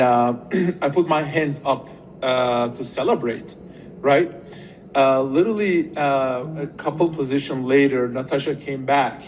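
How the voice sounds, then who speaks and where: A man earnestly recounting an incident, halting with many fillers. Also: mid-range voice, a little hiss or hum, low-quality recording. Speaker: interviewee.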